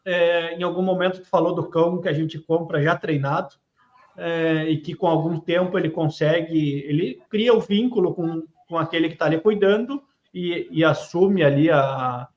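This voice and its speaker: A man hosting a podcast, asking long questions with many hesitant pauses. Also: a little high, muffled recording. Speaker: podcast host. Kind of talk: casual podcast interview.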